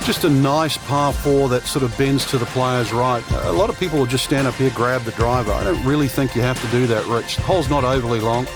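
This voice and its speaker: A man's voice: mid-range voice, brisk, hardly any pauses, music in the background, natural voice. A man acting as an easygoing golf analyst, giving conversational, explanatory commentary.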